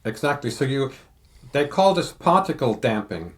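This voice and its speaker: A man's voice: mid-range voice, big pitch swings. Older man explaining audio gear. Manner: explanatory, technical, measured. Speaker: audio reviewer guest. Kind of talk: casual podcast chat.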